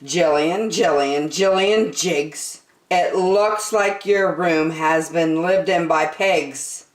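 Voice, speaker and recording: A woman's voice: lowish voice, slow. A woman voicing an exasperated mother in a storybook, scolding in emphatic, commanding rhyme. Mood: disapproving. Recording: roomy, echoing sound.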